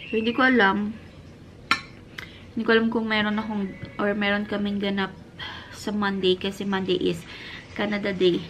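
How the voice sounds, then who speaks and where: A woman in her thirties from the Philippines, a mother chatting casually to her vlog audience, mixing English into her talk and cooing gently to her child. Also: medium pitch, little pitch movement, normal speed, pauses often, a little hiss or hum. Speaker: family vlogger, mother.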